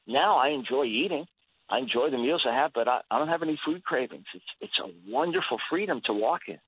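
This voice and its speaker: A man's voice: mid-range voice, lively intonation, fairly quick, breathy edge, dry recording. A man in his sixties talking as a guest on a radio interview, earnest and emphatic, often repeating words as he starts a thought. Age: 60s. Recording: tinny phone-line radio audio, dry.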